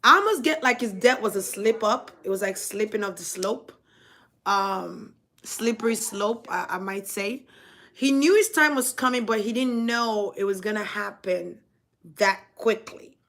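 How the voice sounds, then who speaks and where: A woman's voice: mid-range voice, measured pace, fairly bright tone. Chatty woman from Nigeria doing a spiritual reading. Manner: chatty, repeats and rephrases herself. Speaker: spiritual reader. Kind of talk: casual psychic reading monologue.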